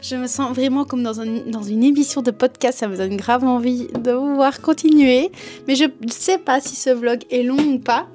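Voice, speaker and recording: A young woman vlogging casually from her bedroom, chatty and excitable, with a sore, dry throat. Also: sits high, normal speed, soft background music. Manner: chatty, easily excited, exclaims and grumbles. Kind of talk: casual vlog chat. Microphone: camera mic.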